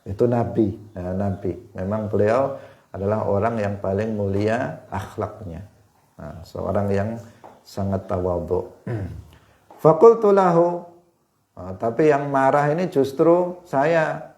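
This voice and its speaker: A man with an East Javanese accent teaching a hadith lesson to students, explaining slowly with rhetorical questions and frequent fillers. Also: lowish voice, creaky, a little mellow. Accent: Indonesian, East Javanese. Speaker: religious teacher.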